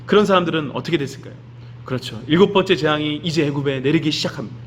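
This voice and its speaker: A man's voice: on the high side, rapid-fire, a little hiss or hum. Man preaching a children's sermon. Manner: storytelling, asks the children questions. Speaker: children's pastor. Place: church.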